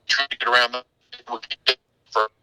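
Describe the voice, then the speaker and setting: A man, a police chief, reporting by phone in urgent, halting bursts while the line keeps cutting out. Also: mid-range voice, flat delivery, sharp tone, smooth, poor audio. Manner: urgent, halting, fragmented speech. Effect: cut-off, breaking-up phone transmission.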